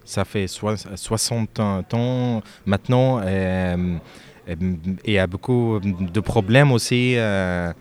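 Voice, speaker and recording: A man from Lebanon with a lowish voice answers interview questions about his music. He speaks haltingly, with frequent fillers and restarts.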